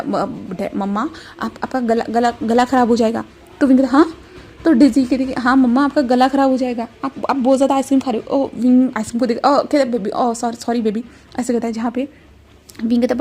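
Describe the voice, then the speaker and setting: Woman telling a fanfic story super quick, kinda mellow low tone, lots of fillers, mix. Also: husky. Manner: chatty, fillers like "jo hai na", retells dialogue in a flat voice. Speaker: storyteller reading fan fiction. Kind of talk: casual story narration with quoted dialogue.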